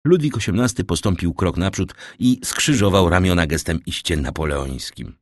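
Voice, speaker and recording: Low-voiced male audiobook narrator, dry sound. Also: expressive, no room sound. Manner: measured, dramatic reading. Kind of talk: scripted narration.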